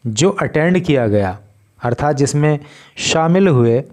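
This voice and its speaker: A man's voice: fairly high pitch, animated, a little mellow. A man teaching English vocabulary in Hindi, patiently explaining newspaper words one by one. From India. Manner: slow, patient word-by-word explanation.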